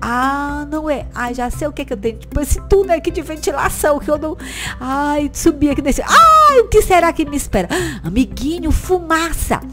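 Very high-pitched, animated Brazilian woman. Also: fairly quick, soft background music. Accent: Brazilian Portuguese. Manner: exclamatory, chatty, talks to viewers as little friends. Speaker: gameplay YouTuber. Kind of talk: casual gameplay commentary.

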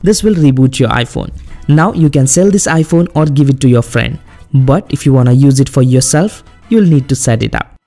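A man hosting a step-by-step phone tutorial as a voice-over, giving plain, brisk instructions. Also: medium pitch, expressive, dark tone, soft background music. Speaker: tech tutorial host.

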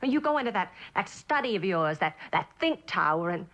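A woman with a mid-range, fairly bright voice plays a lonely, neglected wife in a mid-century television drama. Her delivery is very animated yet plaintive and halting, with a bitter edge and a sarcastic mood.

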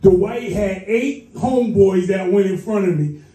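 A man from Boston doing a loud, crude stand-up set, shouting at the crowd in a comedy club. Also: high voice, unhurried, recorded from a distance. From Boston, US East Coast. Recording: roomy club sound from afar, music.

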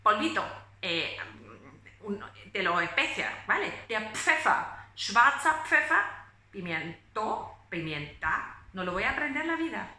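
A woman in her late twenties, a phonetics teacher, giving a pronunciation lesson with slow, deliberate explanations and hesitant fillers. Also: on the high side, animated, sharp tone, echoey room. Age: late 20s. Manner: reads German prose aloud in a measured voice. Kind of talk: German phonetics lesson in Spanish.

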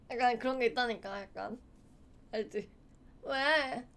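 A woman's voice: a little high, lively intonation, fairly quick. A woman in her twenties chatting casually on a livestream, laughing often as she acts out memories. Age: 20s. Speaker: streamer.

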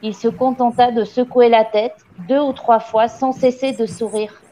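A woman reading a children's novel aloud in a steady, expressive storytelling manner. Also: a little high, normal speed, slight background noise. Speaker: reader. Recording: dull lo-fi audio.

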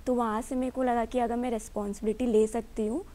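A woman's voice: fairly high pitch, flat delivery, quick pace, dark tone. A woman answering interview questions as an actress and entrepreneur, earnest and matter-of-fact.

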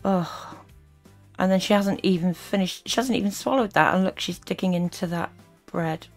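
A woman's voice: fairly low pitch, normal speed, faint music behind. A woman giving critical reaction commentary as host, disapproving and full of sarcastic asides.

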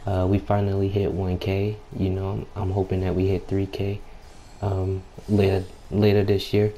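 A young man with a low, subdued voice giving unhurried, laid-back, slangy casual gameplay commentary. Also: completely flat delivery, mellow, poor audio. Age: young adult. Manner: unhurried, laid-back, slangy, frequent "you know" filler; keeps clearing throat. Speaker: gaming YouTuber. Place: at home late at night, people nearby. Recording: home mic with background noise.

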